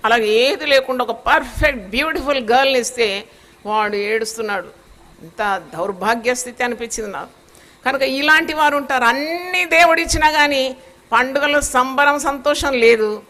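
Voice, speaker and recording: A woman pastor preaching a sermon in a forceful, scolding style. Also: sits high.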